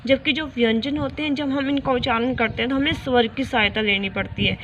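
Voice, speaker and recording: A woman with a somewhat high voice gives a grammar lesson for young children. She explains slowly and repeats each question and example. The recording is dull and lo-fi, with plainly audible noise behind her. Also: fairly even intonation. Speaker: teacher.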